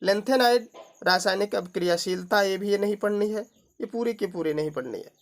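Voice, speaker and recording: Teacher reading out a syllabus list. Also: male voice, sits high, fairly quick. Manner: reads through a long list item by item, adding brief remarks.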